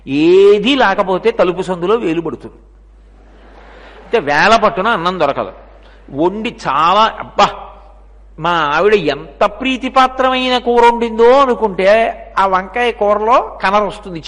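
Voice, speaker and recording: High-voiced Telugu man preaching in hall. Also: a bit bright. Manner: rhetorical questions and everyday examples. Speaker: religious discourse speaker. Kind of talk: devotional discourse. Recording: long reverb of a lecture hall.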